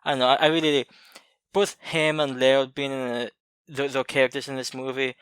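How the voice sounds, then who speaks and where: A man in a relaxed podcast chat about films, weighing his views with frequent "um" pauses and soft laughs. His voice is smooth and clear at a middle pitch. The recording is dry and close. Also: no echo. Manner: thoughtful, many "um" pauses, light laughter. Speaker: podcast co-host. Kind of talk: casual movie chat.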